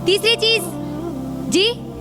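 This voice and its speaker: A woman's voice: very high-pitched, fairly even intonation, slow. A woman giving a sermon to a women's gathering, quizzing the audience and repeating phrases for emphasis. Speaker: religious lecturer. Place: function hall. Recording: music audible behind speech.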